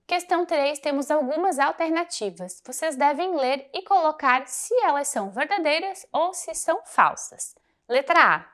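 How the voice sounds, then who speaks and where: A woman with a high-pitched voice teaches a recorded lesson, going through a workbook. She speaks clearly and patiently, taking her time over each explanation. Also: fairly bright tone. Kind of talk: recorded class walkthrough.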